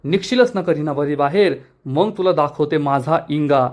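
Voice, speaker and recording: A man's voice: a little high, moderate pace, natural voice. A raging, scolding aunt, as a man quotes her. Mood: furious. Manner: shouting threats and insults. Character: furious scolding middle-aged aunt and mother.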